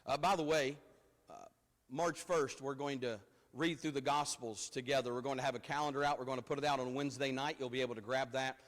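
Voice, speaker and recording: A man's voice: mid-range voice, steady tone, brisk. A man preaching a sermon at a pulpit microphone in a church, in a conversational way with frequent repeated words. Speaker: pastor. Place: church sanctuary. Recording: long reverb of a church hall.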